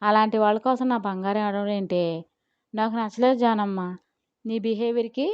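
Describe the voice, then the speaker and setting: Woman reads a teasing, doting young man in a storybook; smooth, clear, lightly muffled dry take. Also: medium pitch, steady tone, normal speed, no echo, close to an everyday voice. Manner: teasing, sweet-talking. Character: playful doting young male lover.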